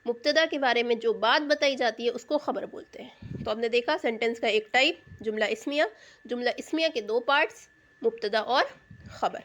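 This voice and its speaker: Female grammar teacher, higher register, patient and repetitive, checks in with rhetorical questions. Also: a bit bright. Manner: patient, repeats key terms and asks rhetorical check questions. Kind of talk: explanatory lesson in Urdu.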